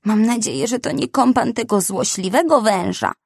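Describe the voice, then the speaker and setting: A woman voicing a brave, eager young female rhinoceros who talks high and flustered. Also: normal speed, gravelly, slightly rough, no echo, studio quality. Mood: wary.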